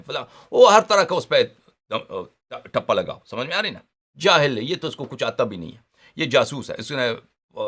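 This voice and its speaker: Guy lecturing on religion, bright voice, swings up and down a lot, keeps asking if u get it. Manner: explains Arabic terms in Urdu, often checks understanding with rhetorical questions; animated and emphatic, with sharp rises in pitch and loudness.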